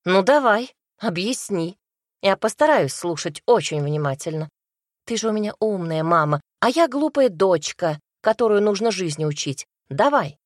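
A woman's voice: medium pitch, expressive, normal speed, dry recording, studio quality, lightly acted. A woman reading the part of an indignant adult daughter who accuses and mocks her mother in a storybook. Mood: mocking. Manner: accusing, sarcastic, raised voice.

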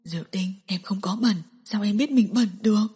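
A woman narrator voicing a gentle, worried young man who speaks softly and soothingly. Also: medium pitch, quick pace, husky, in a large hall. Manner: soft, soothing.

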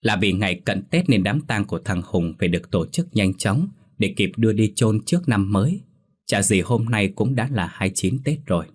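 Male horror storyteller, low and husky, measured scripted reading. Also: expressive.

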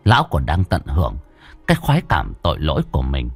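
A man's voice: rumbling low, wildly swooping pitch, fast, breathy edge, faint music behind. A man narrating a ghost story with a dramatic, ominous delivery.

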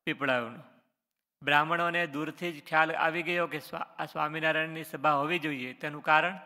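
A man's voice: on the high side, steady tone, a little fast, sharp tone. Man, scripture quiz review, questions then answers, echoing hall. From Gujarat, India. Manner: reads a question then answers it, adding short explanations. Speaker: religious teacher.

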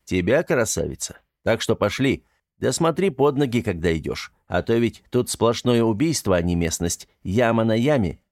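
A man's voice: fairly low pitch, expressive, normal speed, a little mellow, no echo, studio quality. A man voicing a mocking, folksy male night sentry in an audiobook. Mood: jeering. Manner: jeering, folksy.

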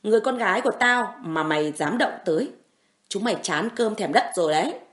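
A woman's voice: medium pitch, animated, a little fast, fairly bright tone, close to an everyday voice. A woman reading the lines of a protective young man who soothes his beloved firmly and threatens her attackers. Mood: menacing. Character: protective young man, tender yet menacing.

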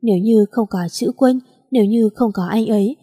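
A woman reads a novel aloud in the first person, keeping an even, steady storytelling pace. Her voice is warm and dark, with a husky edge. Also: fairly high pitch, moderate pace. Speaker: narrator.

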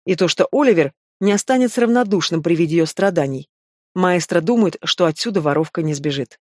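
A woman's voice: lowish voice, a little fast, a little mellow, no room sound, clean studio sound. Woman narrating a fantasy audiobook. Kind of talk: scripted narration.

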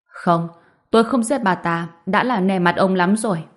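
A woman's voice: medium pitch, moderate pace, natural voice. A woman voicing a cold, fierce young hero. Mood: cold anger. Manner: cold, sharp.

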